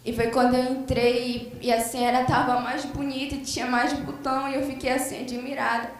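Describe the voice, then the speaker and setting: A woman's voice: sits high, little pitch movement, brisk. A Brazilian woman with a Brazilian Portuguese accent giving a fervent church testimony, retelling a vision full of quoted lines. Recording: very echoey church, voice far from the mic.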